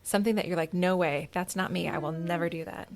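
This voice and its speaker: A woman's voice: lowish voice, fairly even intonation, fast. A woman hosting a podcast, asking a guest casual questions with upbeat, enthusiastic reactions. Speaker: podcast host. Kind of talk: casual interview chat.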